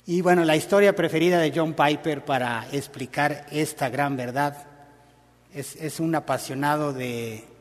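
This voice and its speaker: A man's voice: fairly high pitch, a little slow, long reverb tail. A man preaching a sermon in a conversational, storytelling way.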